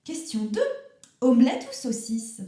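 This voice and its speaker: A woman's voice: on the high side, unhurried, dark tone, roomy sound, close to an everyday voice. A woman playing an earnest young radio interviewer who asks questions in a mock-formal, teasing way in a comic radio sketch.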